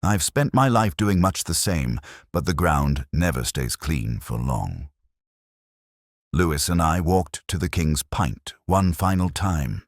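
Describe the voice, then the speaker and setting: Voicing a melancholy older detective reflecting on his case, a man gives a scripted first-person narration for a radio play. His extremely low voice shifts noticeably in pitch as he narrates in a measured, literary, solemn way, heavily acted, with a weary, resigned mood. The recording is close and dry, with no echo.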